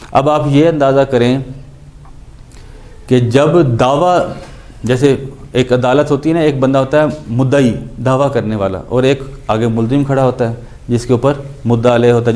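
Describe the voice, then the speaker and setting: In this Urdu lesson on Quranic Arabic grammar, a man explains each word in turn and raises questions only to answer them himself. He speaks in a slightly mellow, mid-range voice.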